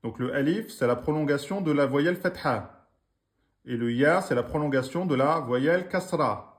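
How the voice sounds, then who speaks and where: During a live online lesson, a man teaches Quran reading, patiently sounding out syllables over and over. His voice is a little high and his pace moderate.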